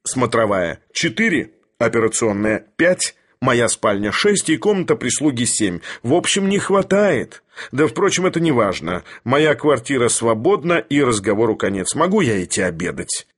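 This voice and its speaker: A man voicing a haughty older professor who speaks in an imperious, lecturing, deliberate manner. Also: mid-range voice, big pitch swings. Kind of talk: audiobook character voice.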